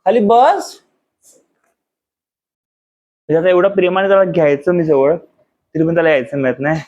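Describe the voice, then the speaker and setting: A man's voice: a little high, rapid-fire, darkish tone, dull audio. A man in his thirties, a father talking casually to his vlog camera at home at night. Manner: coaxing, soothing talk to a child. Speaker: vlogger, father.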